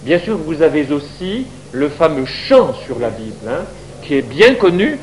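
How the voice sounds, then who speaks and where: High, lively male Bible teacher. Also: a little slow, a little hiss or hum, poor audio. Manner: lively, questions the audience.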